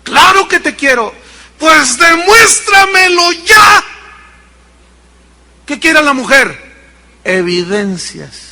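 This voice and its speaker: A pastor preaching an animated sermon full of acted-out stories and rhetorical questions. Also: male voice, high voice, big-room sound.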